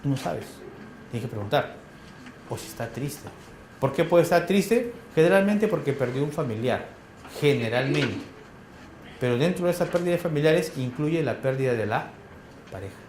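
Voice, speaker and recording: A man with a Peruvian accent giving a classroom lecture, firing quick questions at his students in a colloquial way. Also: fairly high pitch, lively intonation, darkish tone, slight background noise. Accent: Peruvian Spanish. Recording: echoey classroom.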